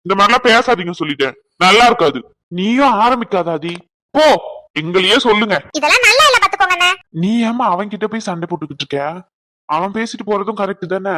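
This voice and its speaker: A man voicing an anxious young man in a cartoon who tries to smooth things over, talking in a pleading, fretful way. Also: high-pitched, big pitch swings, fast, bright, forceful tone, no room sound, exaggerated voice. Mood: chiding. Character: anxious young man, peacemaker, easily flustered. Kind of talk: cartoon voice acting.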